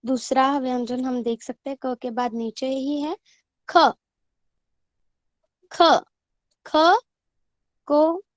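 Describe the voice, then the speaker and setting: A woman teacher giving an online class, drilling syllables one by one in a slow, drawn-out way. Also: high voice, steady tone, darkish tone, no echo, highs cut off.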